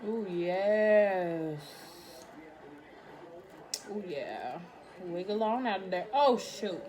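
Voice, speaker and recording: A woman's voice: mid-range voice, lively intonation, very slow, a crowd in the background. A woman chatting casually for a mukbang, chewing as she talks and humming over her food. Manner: chewing while talking, with savoring hums. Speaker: mukbang host. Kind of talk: casual mukbang chat while eating.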